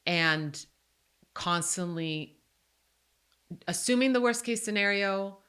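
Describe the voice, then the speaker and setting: A woman's voice: mid-range voice, takes it slowly, a bit bright, smooth. A woman in her forties from Croatia hosting a podcast, talking in a candid, self-deprecating and joking way. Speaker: podcast host. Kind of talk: casual podcast chat.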